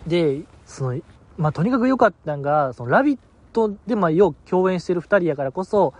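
A man's voice: high voice, expressive, brisk, darkish tone. Sleepy rambling man. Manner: rambling, self-mocking, sleepy. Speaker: podcast host. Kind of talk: casual solo podcast chat.

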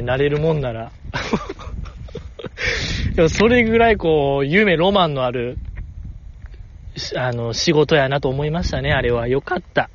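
A man with a Kansai accent hosting a solo podcast in casual chat, excitable, his pitch jumping when he gets enthused. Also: highs cut off, slight background noise. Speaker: podcast host.

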